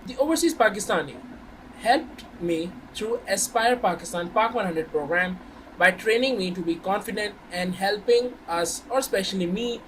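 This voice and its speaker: A man's voice: high voice, a bit bright, a little hiss or hum, low-quality recording. A young man from Saudi Arabia presenting his startup and answering questions in an earnest, formal way. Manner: earnest, formal, with polite "sir". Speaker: startup founder. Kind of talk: startup pitch and Q&A.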